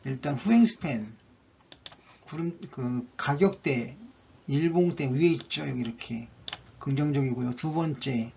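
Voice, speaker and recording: A man's voice: mid-range voice, creaky, mellow, a little hiss or hum. A man narrating a stock chart analysis, going methodically through each indicator one by one, on a dull lo-fi recording.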